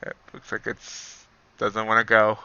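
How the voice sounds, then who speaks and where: A man's voice: lowish voice, completely flat delivery, measured pace, vocal fry, sharp tone, clear, resonant tone, dry recording, muffled recording. A man commenting on his live futures trades, wry and self-deprecating, reading out prices as they move. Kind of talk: live trading commentary, thinking aloud.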